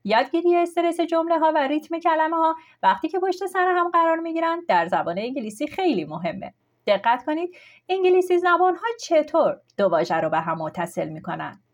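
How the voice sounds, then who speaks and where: A woman reading a scripted language lesson, explaining with clear, steady delivery. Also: high voice. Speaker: language teacher.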